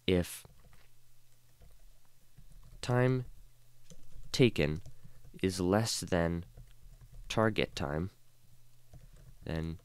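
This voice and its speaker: The recording is dry as a low, smooth-voiced man hosts a casual screen-recorded programming lesson at his desk microphone. Yawning and weary, he thinks aloud and fills gaps with "um" and "uh" as he reads lines of code slowly.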